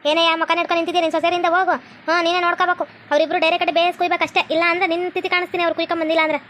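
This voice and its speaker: A woman's voice: very high voice, flat delivery, a bit bright. A woman with a North Karnataka Kannada accent voicing a bossy, scolding middle-aged mother-in-law in a cartoon comedy. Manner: scolding, rapid-fire bossy.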